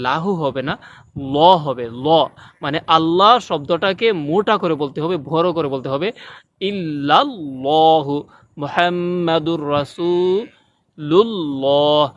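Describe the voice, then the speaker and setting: High-voiced man teaching recitation. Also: fairly bright tone, lo-fi sound. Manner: patient, corrective, draws out recited words. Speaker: religious teacher. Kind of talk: pronunciation lesson with slow recitation.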